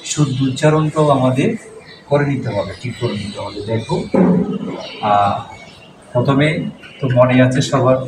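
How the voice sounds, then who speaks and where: A man, a Buddhist monk, teaching a class how to pronounce letters, patiently repeating each sound and quizzing his students. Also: medium pitch. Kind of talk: classroom pronunciation lesson. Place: classroom with a board. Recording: echoey room, distant mic, noise.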